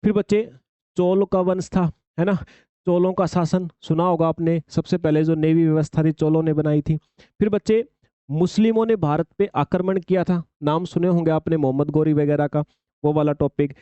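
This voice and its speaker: A man's voice: fairly high pitch, fairly even intonation, moderate pace, warm tone, clean tone, no echo, highs cut off. A male coaching teacher lecturing students through an exam syllabus, calling them children, repeating points and asking rhetorical questions.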